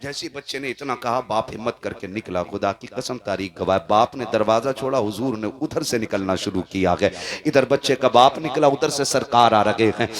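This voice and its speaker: A man from India preaching an emotional storytelling sermon, delivering it with passion that builds toward shouts. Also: mid-range voice, moderate pace, a crowd in the background. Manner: impassioned, rising to shouts.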